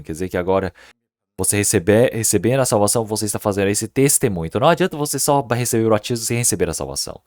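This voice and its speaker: A male pastor preaches a Sunday sermon in a low voice, pressing his points with repeated words and rhetorical questions to the congregation. The sound is close and dry, with almost no room echo. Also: darkish tone. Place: church service.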